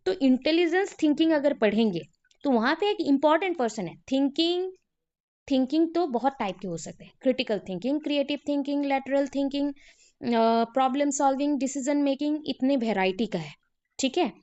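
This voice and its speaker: A woman's voice: sits high, animated, moderate pace, darkish tone, highs cut off. A woman teacher lecturing a class in a classroom, who repeats key names and quizzes her students.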